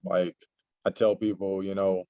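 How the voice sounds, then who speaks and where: A man's voice: low voice, little pitch movement, unhurried, warm tone, dry recording, muffled recording. A man in his forties from Nigeria, a guest chatting casually in an interview, rambling with many fillers. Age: 40s.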